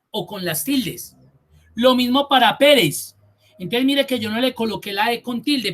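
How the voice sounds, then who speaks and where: A man with a high, fairly bright voice teaches an online spreadsheet course. He walks through each step, repeats key points and thinks out loud as he goes.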